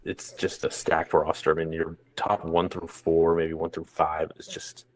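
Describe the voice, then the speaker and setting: A man's voice: extremely low pitch, completely flat delivery, measured pace, darkish tone, dry recording. A man co-hosting a casual baseball podcast, giving blunt, easygoing opinions. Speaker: podcast co-host. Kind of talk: casual sports podcast chat.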